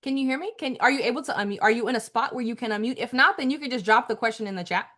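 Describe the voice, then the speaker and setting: Female webinar host, animated casual talk, bright voice, video-call mic. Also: fairly high pitch, racing. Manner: animated, repeats herself, calls people girl. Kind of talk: casual webinar chat with attendees.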